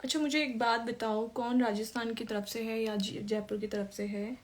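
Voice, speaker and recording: Woman makeup artist doing a live class, kinda high voice, chatty, talks to viewers while she works. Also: fairly even intonation, moderate pace. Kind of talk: casual live-stream makeup tutorial.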